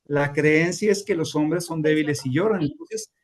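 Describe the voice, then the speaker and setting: A man's voice: a little high, normal speed. A man lecturing on grief as a therapist, explaining steps and acting out clients' voices in quotes. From Mexico. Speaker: grief therapist teaching a class.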